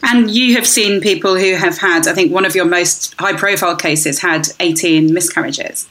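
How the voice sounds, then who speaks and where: A woman's voice: fairly low pitch, moderate pace, fairly bright tone, poor audio. A woman hosting an interview, asking questions in a friendly, anecdotal way. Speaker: podcast host. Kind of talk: conversational interview.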